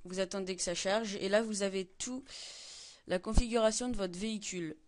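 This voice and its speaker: A man's voice: high voice, steady tone, normal speed. Hesitant teen boy explaining a game tutorial. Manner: hesitant, many fillers and self-corrections. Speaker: gaming tutorial maker. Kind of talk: screen-recorded tutorial.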